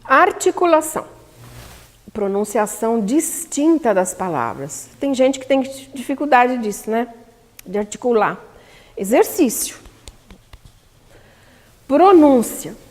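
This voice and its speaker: Animated Brazilian woman teaching in a hall. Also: a little high, slow, long pauses. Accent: Brazilian Portuguese. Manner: lively, emphatic, asks the audience questions. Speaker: lecturer at a spiritist center seminar. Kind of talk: teaching a public speaking course. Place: community hall. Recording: long hall reverb.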